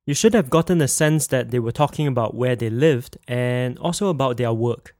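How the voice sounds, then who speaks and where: A man teaching a language lesson in a clear, explanatory scripted narration, saying example phrases slowly. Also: medium pitch, a little mellow, no echo, studio quality.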